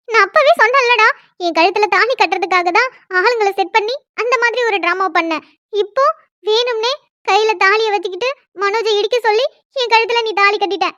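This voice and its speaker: A woman voicing a furious young woman in a cartoon who scolds and complains with shrill indignation. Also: sharp tone, no room sound, studio quality. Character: young woman, furious, newly forced into marriage. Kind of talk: cartoon dialogue.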